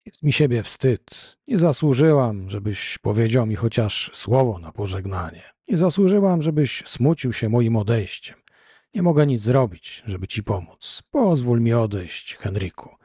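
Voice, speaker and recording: A man's voice: medium pitch, very animated, unhurried, warm tone, husky, no room sound, studio quality. A man reading an audiobook, voicing an unhappy, self-reproaching woman who is ending her marriage. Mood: pleading.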